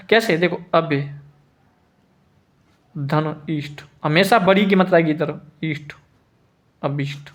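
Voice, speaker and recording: Male teacher, a little high-pitched, patient and repetitive, drilling spelling rules. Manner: repeats each word slowly, asks students if they follow. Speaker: Hindi teacher. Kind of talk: spelling lesson.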